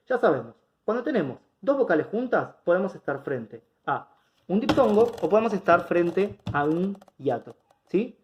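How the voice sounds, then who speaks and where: A man teaching an online grammar lesson, explaining step by step and often checking in with his students. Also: high-pitched. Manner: patient, explanatory, checks in with students with rhetorical questions. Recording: dull lo-fi recording.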